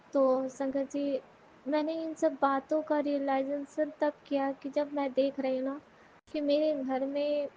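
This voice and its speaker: A woman speaks in a high, narrow-ranged voice, sharing an earnest devotional testimony. She keeps turning to address her listeners directly. The recording is dull and lo-fi, with a faint hiss underneath. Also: mellow.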